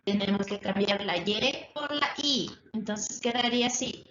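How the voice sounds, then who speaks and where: This English teacher, a woman with a mid-range, fairly bright voice, moves slowly through a recorded distance-school lesson, repeating points and checking that students follow. Slight background noise sits under an echoey, dull lo-fi room sound.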